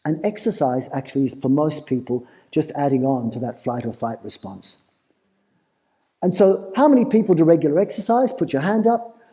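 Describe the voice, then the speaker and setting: A man's voice: fairly high pitch, animated, moderate pace, dark tone, low-quality recording. An Australian man giving a playful live talk at a festival, putting questions to the audience. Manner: engaging, asks the crowd questions, playful. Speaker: festival presenter.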